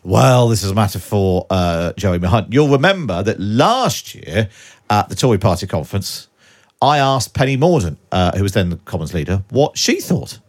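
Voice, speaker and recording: A man's voice: fairly low pitch, big pitch swings, moderate pace. A British man presenting a political radio show as host.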